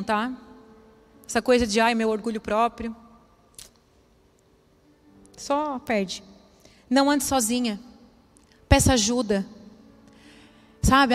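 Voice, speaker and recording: A middle-aged woman, preaching a chatty, humorous sermon to women and acting out quotes. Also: sits high. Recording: long hall reverb.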